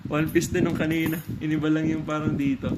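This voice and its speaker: A man's voice: on the high side, completely flat delivery, a little fast. A man hosting a casual card unboxing, chatty and joking, counting packs aloud. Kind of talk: casual chat. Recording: loud background noise.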